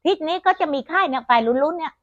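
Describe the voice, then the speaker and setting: An older woman, a buffalo farmer chatting on camera in a loud, clear voice. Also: sits high, expressive, rapid-fire, no echo, highs cut off. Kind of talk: casual chat on camera. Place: outdoors at a buffalo pen.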